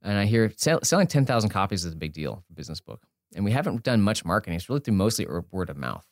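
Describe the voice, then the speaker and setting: Racing along in a sing-song, lowish voice, a man who is an entrepreneur and author talks informally as an interview guest. He thinks aloud, breaking off and rephrasing as he goes. The recording is dry, with clean studio sound.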